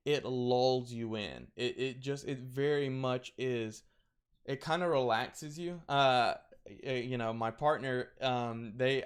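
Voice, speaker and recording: A streamer recommending horror content chats casually in a crackly, medium-pitched voice with a clean tone, rambling through picks with lots of fillers and restarts.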